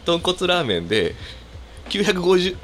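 A man's voice: high voice, sing-song, normal speed, fairly bright tone, a little hiss or hum. A man from Fukuoka chatting casually, telling stories in a colloquial, joking way. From Fukuoka, Japan. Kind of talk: casual chat. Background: music.

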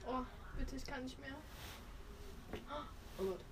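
Young woman chatting, high and squealy, giggly complaints, noisy recording. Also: measured pace. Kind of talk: casual chat.

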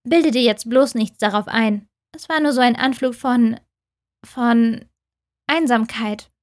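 A woman's voice: on the high side, a little slow, lightly acted. A woman voicing a moody young female student with curt, grumpy replies in an audiobook. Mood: defensive. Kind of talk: audiobook reading.

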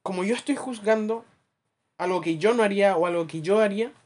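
Animated Chilean man telling stories. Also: sits high, a little fast. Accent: Chilean Spanish. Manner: animated storyteller, acts out anecdotes, laughs at his own jokes. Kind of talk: casual chat.

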